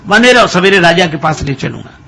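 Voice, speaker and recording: A man voicing a gruff, threatening gardener in a comic sermon story. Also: sits high, expressive, a little fast, pushed and bright, slight background noise, full character voice.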